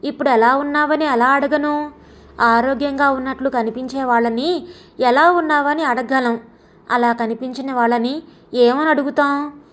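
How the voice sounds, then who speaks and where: A woman narrating a scripted audio story in a calm, reflective reading voice. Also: high-pitched, normal speed.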